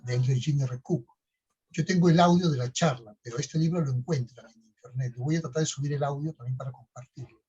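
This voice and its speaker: A man's voice: mid-range voice, dark tone, slightly rough, lo-fi sound. A man co-hosting a podcast, telling stories in a casual talk style and tagging his phrases with questions. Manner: conversational, tags phrases with "¿no?". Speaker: podcast co-host.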